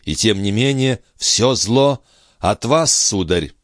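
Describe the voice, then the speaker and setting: A man's voice: on the low side, animated, takes it slowly, no room sound, clean studio sound, pitched above the performer's own voice. A man voicing an anguished, hot-tempered young nobleman who grows emotional and raises his voice, in an audiobook reading.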